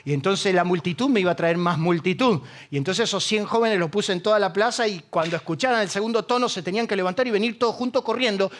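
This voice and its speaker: A man's voice: high voice, fast, few pauses, fairly bright tone. A middle-aged male pastor with a Rioplatense Spanish accent, preaching a humorous, story-filled sermon and asking the congregation questions. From Argentina.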